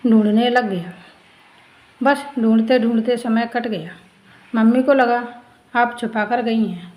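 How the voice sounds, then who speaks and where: Woman doing a schoolboy, tearful, pleading, family story, somewhat high voice. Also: darkish tone, lightly acted, low-quality recording.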